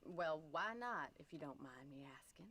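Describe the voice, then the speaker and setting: A woman voicing a spirited young ranch woman in a video game, talking in a brisk, friendly, teasing way. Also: low-pitched, expressive, a bit bright, heavily acted.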